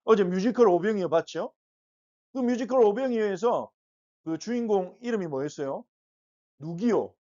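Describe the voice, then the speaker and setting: A woman teaching a Bible lesson to children, telling the story with lively questions to the kids. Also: mid-range voice, moderate pace, long pauses. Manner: animated storytelling, asks the kids questions and acts out quotes. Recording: muffled lo-fi recording.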